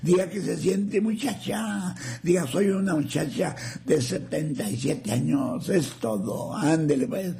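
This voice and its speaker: Older man, radio host, folksy, joking, high voice, gravelly. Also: mellow. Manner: folksy, joking, slow and drawn out. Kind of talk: reading listener messages on live radio.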